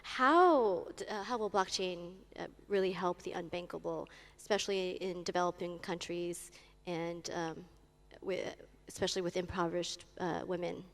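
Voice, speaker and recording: A woman moderating a conference panel, asking questions in a halting way with many fillers. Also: lowish voice, steady tone. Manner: halting, many uhs and ums. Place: conference stage. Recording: reverberant conference hall.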